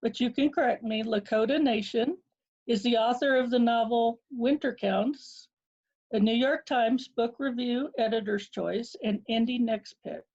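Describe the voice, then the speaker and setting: A program director, a woman with a slightly high voice, introduces a guest speaker at a measured pace, reading out his credits. She's warm and apologizes for how she pronounces things, and the sound is lo-fi.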